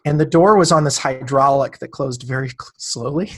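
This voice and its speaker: A man's voice: mid-range voice, normal speed. Man in his thirties telling a story. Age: 30s. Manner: animated storyteller, voices quoted people. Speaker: podcast guest. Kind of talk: storytelling in casual conversation.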